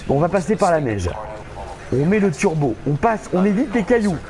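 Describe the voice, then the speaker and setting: A man giving excitable let's play commentary, panicking and swearing at the game while he plays. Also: high-pitched, normal speed, crowd noise. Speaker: gamer streaming a playthrough. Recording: game noise behind the voice.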